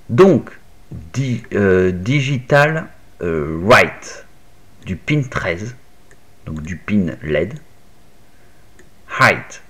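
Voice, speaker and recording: A man casually walking the viewer through a hands-on electronics tutorial, step by step, with little fillers like "hop" and "tac". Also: mid-range voice. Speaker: maker explaining an Arduino project. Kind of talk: casual screen-recorded tutorial.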